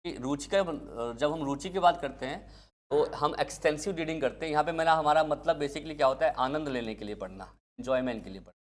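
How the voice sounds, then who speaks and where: A man's voice: on the high side, brisk. A male teacher giving an exam-prep lecture, asking questions and answering them himself. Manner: asks questions and answers them himself, addresses students as kids.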